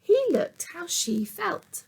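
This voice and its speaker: This is a children's storytime: a woman reads a picture book aloud like a teacher, full of expression, sometimes lowering to a hush and posing questions to the kids. She has a very high, gravelly voice and takes her time.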